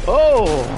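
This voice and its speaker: A young man in easygoing, laughing banter while gaming with friends. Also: extremely high pitch. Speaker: gamer. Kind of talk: casual gaming chat. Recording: game noise behind.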